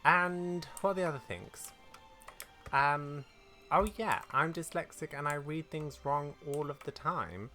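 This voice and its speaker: A gaming video creator of unclear sex talks through a playthrough in a casual, informal, apologetic way, reading game dialogue aloud along the way. The voice is mid-range, bright and forceful, at a measured pace. Game music and keyboard clicks can be heard behind it.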